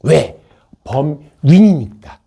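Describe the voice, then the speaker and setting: A man with a slightly high, gravelly, warm voice and a breathy edge teaches a math class in an academy classroom, speaking animatedly and drawing out his words. He jokes around, repeats key points, and checks in with students during the lecture.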